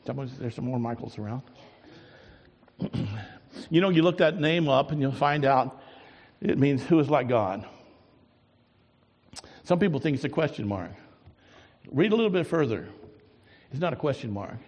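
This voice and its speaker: Man pastor preaching, goes quiet then booms out, big reverb like a church sanctuary. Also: expressive, normal speed, long pauses. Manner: swings from soft musing to loud emphatic preaching. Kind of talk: sermon with closing prayer.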